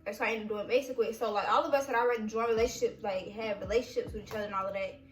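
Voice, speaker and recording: A young woman vlogger telling a story in a casual, animated way, full of "like" fillers. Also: mid-range voice, racing. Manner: animated, many "like" fillers, acts out quoted voices. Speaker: vlogger, army veteran recounting basic training. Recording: roomy, distant mic, faint music.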